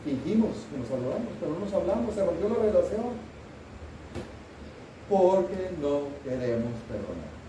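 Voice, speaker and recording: A man's voice: a little high, sing-song, moderate pace, reverberant, recorded from a distance, noisy background. A middle-aged man, preaching a sermon as pastor and asking the congregation questions. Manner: earnest, asks the congregation questions. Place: church sanctuary.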